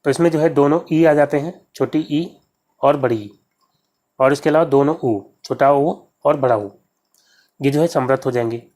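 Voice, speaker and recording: Explaining exam questions at a moderate pace, this man goes through every answer step by step, repeating key words and calling his viewers friends. His voice is a little high and darkish, with fairly even intonation.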